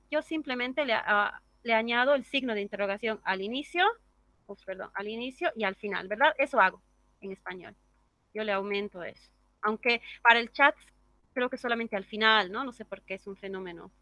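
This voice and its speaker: A woman teaching English grammar in a bright, slightly high voice, walking her students through each step. She keeps checking in with tag questions. The sound is close and dry. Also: no echo. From Bolivia. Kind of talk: classroom grammar lesson.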